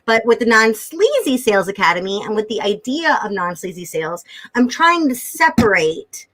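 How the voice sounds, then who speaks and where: A woman's voice: a little high, big pitch swings, moderate pace, a bit bright, rough recording. A woman sales coach speaking as a guest in an interview, emphatic and stacking words for effect. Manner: emphatic, builds lists of words. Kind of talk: animated interview talk.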